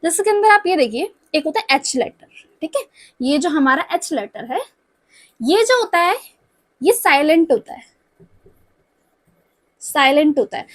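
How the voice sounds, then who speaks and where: A woman's voice: sits high, no room sound. A young woman teaching a language lesson, explaining step by step and often checking whether her students follow.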